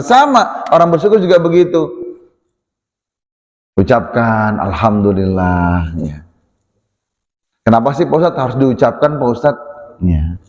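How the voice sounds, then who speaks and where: A male preacher, speaking at a middle pitch. He keeps a lively, joking tone and plays out questions from the congregation himself. His voice rings through the long reverb of a mosque hall. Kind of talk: mosque sermon.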